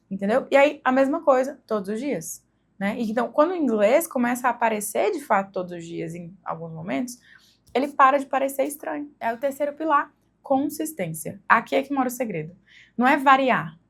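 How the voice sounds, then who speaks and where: A woman with a Brazilian accent giving a conversational lesson to the camera, often checking in with tag questions. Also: a little high. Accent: Brazilian Portuguese. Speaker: English teacher for mothers. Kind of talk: instructional video talk to the camera.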